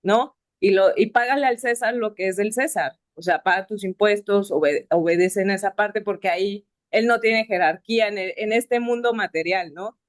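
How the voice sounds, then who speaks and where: A woman's voice: medium pitch, moderate pace, few pauses, dry recording, clean studio sound. A woman sharing a reflective personal testimony, often ending phrases with a questioning tag. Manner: reflective, with many filler "no?" tags. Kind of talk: personal testimony at a spiritist study group.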